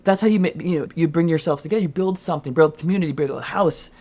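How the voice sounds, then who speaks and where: A man co-hosting a casual podcast chat, telling stories in an animated, jokey way. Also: on the high side, fast. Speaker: podcast co-host.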